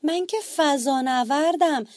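A woman's voice: sits high, darkish tone, no echo, studio quality, pitched above the performer's own voice, natural voice. A woman reading a children's storybook, voicing a cheerful young schoolboy who thinks he's an astronaut, in an eager, earnest tone.

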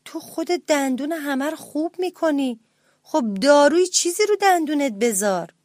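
A woman's voice: a little high, lively intonation, no echo, studio quality, natural voice. A woman voicing a nosy woodpecker who fires off questions and teases in a children's story. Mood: puzzled. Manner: quizzing, mocking. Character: nosy, teasing woodpecker who laughs easily.

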